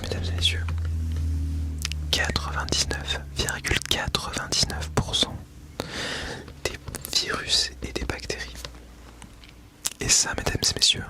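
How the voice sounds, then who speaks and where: While trying out a small clip-on wireless mic, a man makes an ASMR video, whispering breathily and casually. He discusses products in a playfully mock-solemn, tongue-in-cheek way.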